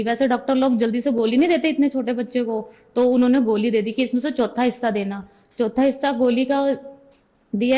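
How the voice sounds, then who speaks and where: A young woman with a fairly high voice tells her story of faith in an earnest, homely way. She keeps retelling who said what, one exchange after another. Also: dark tone. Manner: earnest, retells conversations with repeated 'I said'. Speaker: devotee giving testimony. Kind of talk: personal testimony storytelling.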